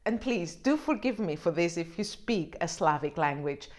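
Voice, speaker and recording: A woman's voice: on the low side, lively intonation, normal speed, darkish tone. A woman presenting a drinks vlog in a scripted explainer style, with wry, playful asides. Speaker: wine vlogger.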